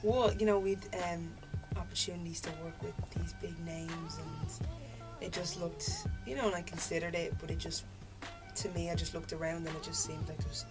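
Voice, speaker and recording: A young Irish woman, a singer, chatting in a relaxed interview and laughing easily. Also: lowish voice, moderate pace, over music, low-quality recording. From Ireland. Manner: laughing, relaxed, self-deprecating. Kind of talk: casual interview chat.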